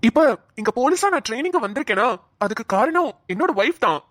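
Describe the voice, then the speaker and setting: A woman voicing a cheerful young police trainee in a cartoon, breezy and excitable. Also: very high voice, a little fast, no echo, studio quality, exaggerated voice. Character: young male police trainee, cheerful, devoted to his wife. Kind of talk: cartoon dialogue.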